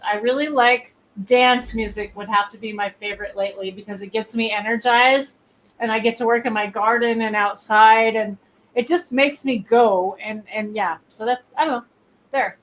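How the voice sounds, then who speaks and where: A woman's voice: a little high, low-quality recording. A woman of fifty chatting casually on a livestream, rambling and poking fun at herself. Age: 50s. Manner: rambling, self-mocking storyteller.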